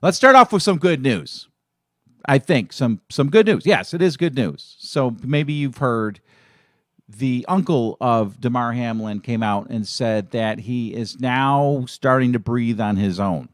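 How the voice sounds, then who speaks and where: A man's voice: mid-range voice, expressive, measured pace, dry recording, studio quality. A middle-aged man hosting a fan live stream, talking in a casual, emotional and rambling way with many restarts. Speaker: fan channel host.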